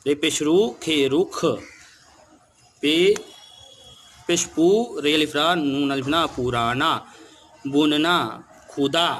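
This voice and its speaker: A man teaching a children's spelling lesson, sounding out each word letter by letter with steady patience. He speaks very slowly in a bright, forward voice. Faint background noise sits under the recording. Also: fairly high pitch.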